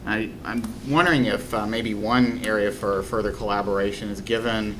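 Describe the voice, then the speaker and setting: A man responding formally as a meeting official, in halting, tentative phrases. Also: steady tone. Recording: meeting microphone, clear rumbling noise.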